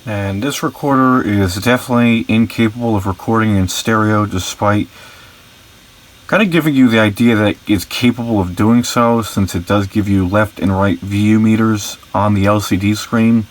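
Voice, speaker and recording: A man's voice: on the low side, moderate pace. A man reviewing a voice recorder, walking through its technical specs in a detailed, mildly exasperated way. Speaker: gadget reviewer. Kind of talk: product review with audio tests.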